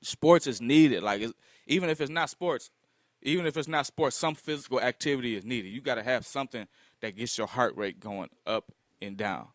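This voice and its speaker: A man's voice: mid-range voice, moderate pace, no room sound. Easygoing man in a podcast chat, dry recording, reflective. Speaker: podcast co-host. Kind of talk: casual chat. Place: Ann Arbor, Michigan.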